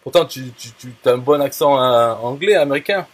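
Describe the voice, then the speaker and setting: Blunt, halting man. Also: medium pitch. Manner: halting, many fillers and restarts, blunt crude slang. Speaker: affiliate marketer. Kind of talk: casual talk to a viewer.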